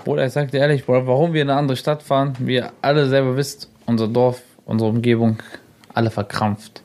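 Young man, radio guest, animated storyteller, acts out quotes, casual chat. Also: mid-range voice, fast.

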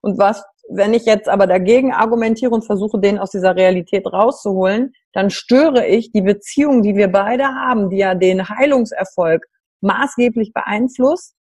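A woman's voice: mid-range voice, normal speed, a little mellow, husky, no echo. A woman hosting a conversation, reflecting and asking searching questions. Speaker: interview host. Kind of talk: conversational interview.

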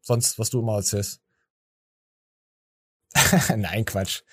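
A man's voice: lowish voice, steady tone, slow, a bit bright, slightly rough, no room sound. Rambling joking man, dry close mic. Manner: rambling, joking, stammering restarts. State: tired from little sleep. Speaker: podcast host. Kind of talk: casual chat.

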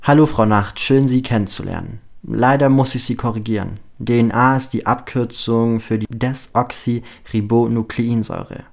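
A man's voice: medium pitch, steady tone, moderate pace, creaky, hardly any pauses, a little mellow, lightly acted. A man reading the part of a blunt, cheeky teenage schoolgirl who speaks with an edge of irritation. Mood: correcting.

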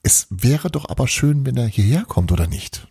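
A man's voice: medium pitch, expressive, moderate pace, creaky, mellow, breathy edge, no room sound, studio quality, pitched above the performer's own voice, full character voice. A man voicing a sheepish young witch woman who speaks hesitantly, with a wavering voice.

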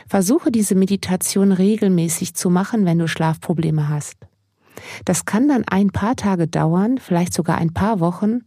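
A woman podcast host and mindfulness coach speaking as a gentle sleep meditation narrator, addressing the listener directly in a mellow, slightly husky, creaky voice. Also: lowish voice, no echo, clean studio sound.

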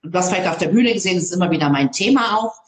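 A woman who speaks on stage, telling stories in an interview in a lively, expressive way. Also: lowish voice, racing, echoey room. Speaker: public speaker. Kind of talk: interview conversation.

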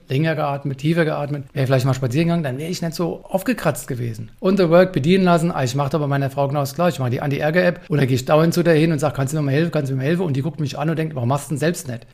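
A man's voice: a little high, darkish tone. A man in his forties hosting a solo podcast, talking candidly and mocking himself, with the odd swear word. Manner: fast, candid, self-mocking with swear words. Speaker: podcast host.

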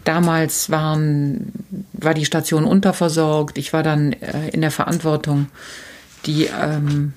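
A woman in her fifties from Germany, an actress telling frank, lively stories in an interview with many fillers. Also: low-pitched, measured pace. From Germany, Solingen. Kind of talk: conversational interview, personal anecdotes.

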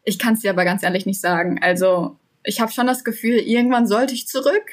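A woman's voice: mid-range voice, fairly even intonation, a little fast. Young german woman chatting earnestly, long flowing sentences. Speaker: interview guest. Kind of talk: casual conversation.

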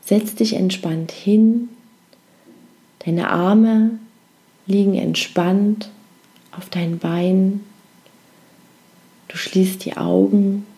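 A woman guides a meditation in a soothing, unhurried sleep story narrator manner, with short phrases and long pauses. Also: medium pitch, steady tone, mellow, rough recording. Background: new-age music.

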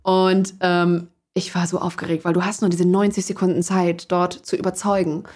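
Young woman, interview guest: casual, animated, laughing storyteller. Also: lowish voice, normal speed. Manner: chatty and lively, many fillers, laughs while telling. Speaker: guest, singer.

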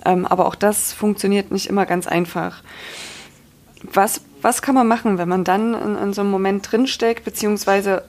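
A woman's voice: medium pitch, fairly even intonation, moderate pace, a little mellow. A woman in a podcast conversation, reflective and searching for words as she describes her feelings.

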